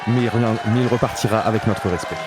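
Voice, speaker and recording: A man giving analytical wrestling commentary in a measured, somewhat halting way with repeated words. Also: on the low side. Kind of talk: analytical live sports commentary. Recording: loud music and crowd behind. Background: loud music, crowd at wrestling show.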